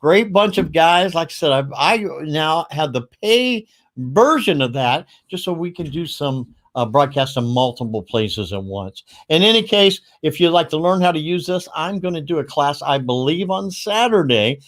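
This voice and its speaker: A man hosting a casual livestream, talking in a rambling, upbeat way with quick asides. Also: on the high side, lively intonation, fairly bright tone. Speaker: livestream host.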